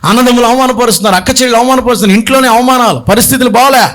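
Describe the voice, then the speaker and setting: A man preaching a sermon as a bishop, telling stories and acting out the people in them, with sudden shouted lines. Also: very high-pitched, very fast. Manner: animated preacher, acts out characters and bursts into shouts. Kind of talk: Telugu sermon with storytelling.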